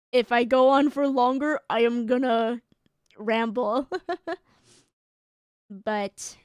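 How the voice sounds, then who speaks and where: A giggly woman streamer rambles through her sign-off with a strained, tired voice. Her voice sits fairly high, slow and unhurried, smooth and clear. The sound is close and dry, with no room around it. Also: fairly even intonation, dry recording. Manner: giggly and rambling, with frequent laughs and fillers. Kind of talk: casual stream sign-off chat.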